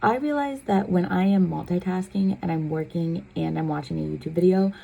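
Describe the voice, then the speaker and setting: Young female vlogger, low gravelly voice, chatty and self-deprecating, a bit stuffy-nosed. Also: fairly quick, dark tone, highs cut off. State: runny nose. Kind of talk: casual voice-over vlog.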